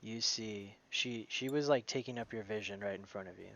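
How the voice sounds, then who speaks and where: A man's voice: on the low side, normal speed, a bit bright, highs cut off. A man narrating as game master in a tabletop game, casual, swearing now and then, restarting his phrases as he goes.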